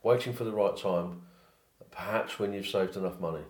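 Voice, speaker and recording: A British man hosting a podcast, giving advice in a casual, informal and halting conversational monologue. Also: low voice. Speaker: host of a personal finance podcast. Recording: roomy, echoing sound.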